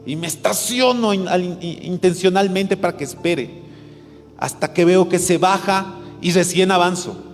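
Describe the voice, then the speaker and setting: Bolivian pastor guy preaching, higher voice, asks the crowd then answers it, hall echo, soft music behind. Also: unhurried. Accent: Bolivian Spanish. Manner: questions the congregation and answers himself. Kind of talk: sermon. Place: church hall. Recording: echoey church hall with music.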